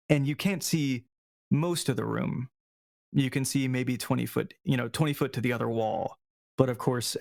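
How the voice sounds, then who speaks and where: A man narrating as dungeon master, explaining in an easygoing, halting way with restarts. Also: mid-range voice, vocal fry, no echo, clean studio sound. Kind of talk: narrating a tabletop game.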